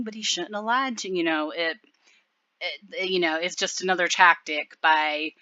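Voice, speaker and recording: A woman's voice: deep voice, pushed and bright, dry recording, lo-fi sound. A woman talking casually in a video commentary, rambling with many fillers.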